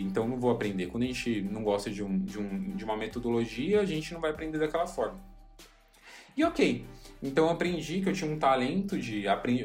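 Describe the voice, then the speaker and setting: Chatty young man, self-mocking. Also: mid-range voice. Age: young adult. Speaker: podcast host. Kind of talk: casual monologue.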